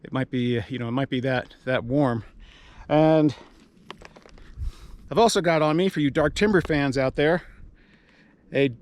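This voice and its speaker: An American man hosting a casual outdoor vlog, speaking through a face mask in a halting, rambling way. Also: medium pitch. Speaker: outdoor video host. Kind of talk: casual vlog talk to camera. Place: outdoors at a mountain trailhead. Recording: noisy outdoor camera audio.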